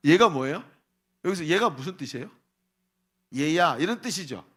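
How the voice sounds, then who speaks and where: A middle-aged male senior pastor preaching a lively sermon to a youth service, often asking the congregation questions and acting out the voices he quotes. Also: on the high side, normal speed, slightly rough.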